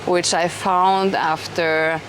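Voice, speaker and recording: Outdoors in an eco village, a middle-aged host from Norway conducts a casual conversational interview with chatty enthusiasm and many restarts. She speaks slowly in a fairly low voice with little pitch movement, over noisy outdoor sound.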